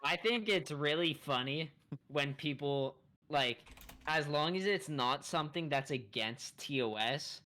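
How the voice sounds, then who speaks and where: A man in a casual podcast chat, dropping quick, joking remarks. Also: fairly high pitch, expressive, pushed and bright.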